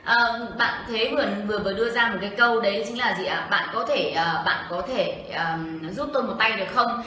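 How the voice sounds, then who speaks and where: A woman's voice: medium pitch, a little fast, sharp tone, slight background noise. A woman with a Vietnamese accent co-hosts a livestream English lesson, turning to the audience with questions as she explains. Her voice sits in a middle range. She is recorded from a distance in a very echoey room. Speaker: co-host and interpreter.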